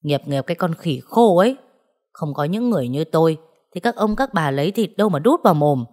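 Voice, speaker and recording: A woman voicing a gruff, stubborn old male village butcher who talks bluntly and scolds. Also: low-pitched, animated, brisk, darkish tone. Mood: scornful.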